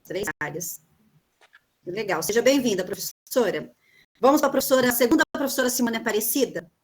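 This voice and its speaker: Brazilian course facilitator, bright-pitched, friendly host on a call. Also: female voice, a little fast, low-quality recording. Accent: Brazilian Portuguese. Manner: warm welcoming, many tag questions. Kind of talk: hosting online class.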